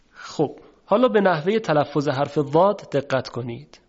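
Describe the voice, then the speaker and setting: A man teaching a tajweed pronunciation lesson, patiently explaining and slowly drawing out sounds to demonstrate them. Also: a little high, a little mellow. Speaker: Quran recitation teacher. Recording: dull, lo-fi recording.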